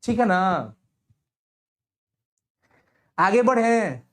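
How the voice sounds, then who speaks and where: A man's voice: high voice, big pitch swings, extremely slow, a bit bright. A man teaching a live online exam-prep lesson, quizzing students and repeating each answer with playful asides.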